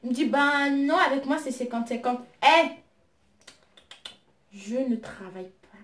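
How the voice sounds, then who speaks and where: A woman's voice: sits high, a little slow. French-speaking woman telling a story in a roomy echo. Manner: lively, indignant retelling of her own exchanges. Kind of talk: casual storytime chat.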